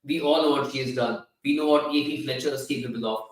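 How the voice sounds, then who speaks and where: A man with an Indian accent giving measured, wordy unscripted sports analysis. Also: medium pitch, steady tone. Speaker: cricket analyst. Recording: very echoey room, distant from mic.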